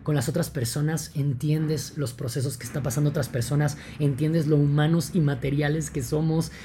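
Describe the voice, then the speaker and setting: A young man with a Mexican accent, talking casually to his podcast listeners in an excited, rambling way with lots of fillers. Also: a little high, normal speed, slight background noise. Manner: enthusiastic, rambling, many fillers like "entonces" and "o sea". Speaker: podcast host.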